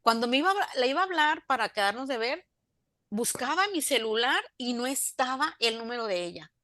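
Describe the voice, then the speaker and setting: A woman's voice: fairly high pitch, animated, fairly quick, pushed and bright, dry recording, clean studio sound. A woman, giving a faith testimony in an interview, telling her story by acting out both sides of the remembered conversations and turning emphatic when she preaches.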